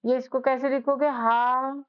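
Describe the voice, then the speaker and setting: A woman's voice: sits high, level tone, normal speed, clean tone, highs cut off. A woman teaching spelling, who spells words out letter by letter and repeats each word. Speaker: English teacher, channel host. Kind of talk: spoken spelling lesson.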